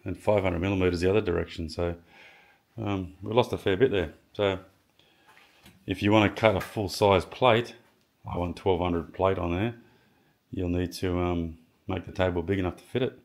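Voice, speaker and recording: Low-voiced man in his garage. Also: fairly even intonation, vocal fry. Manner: halting, lots of ums and restarts while measuring. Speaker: home builder showing his project. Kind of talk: casual workshop walkthrough. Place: home garage workshop.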